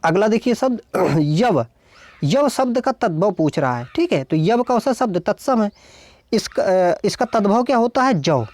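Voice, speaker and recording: A woman's voice: mid-range voice, animated, a little slow, a little mellow, dry recording. A woman teaching an exam-solution lesson, explaining step by step and answering her own questions as she goes. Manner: often adds "thik hai" and "dekhiye". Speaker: Hindi exam tutor.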